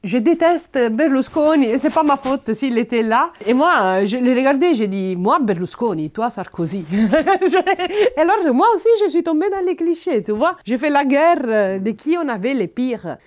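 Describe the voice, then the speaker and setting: A woman's voice: high-pitched, moderate pace. Italian-accented woman telling her story. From Naples, Italy. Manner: animated, repeats words, many hesitations. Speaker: podcast guest. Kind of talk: conversational interview.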